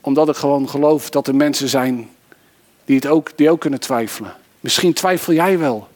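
A man's voice: mid-range voice, moderate pace, darkish tone. A man preaching a sermon, addressing listeners directly and personally.

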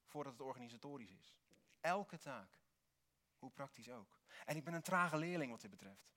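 Male pastor, mid-pitched, earnest sermon delivery with emphatic peaks. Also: moderate pace. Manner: earnest, with sudden lively emphasis.

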